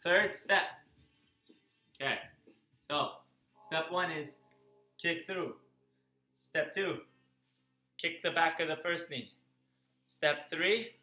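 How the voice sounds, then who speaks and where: Young guy giving a careful unhurried demo, bright voice, echoey living room. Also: fairly high pitch. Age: young adult. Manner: careful, unhurried step-by-step explaining. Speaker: breakdancing instructor. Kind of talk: instructional demonstration to camera. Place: carpeted living room at home, indoors. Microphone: camera mic at a few metres' distance. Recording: echoey room, camera at a distance.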